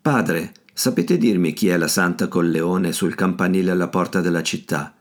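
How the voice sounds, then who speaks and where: A man's voice: sits low, normal speed, lightly acted. A man reading as a polite, curious young man.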